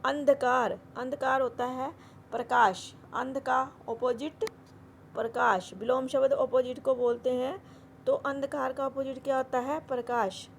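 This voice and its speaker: Slow, gravelly-voiced woman teacher. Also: high-pitched, fairly even intonation, a little hiss or hum. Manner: repeats words slowly, then drills them; mixes English words into Hindi teaching. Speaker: Hindi teacher. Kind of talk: explaining a school grammar worksheet.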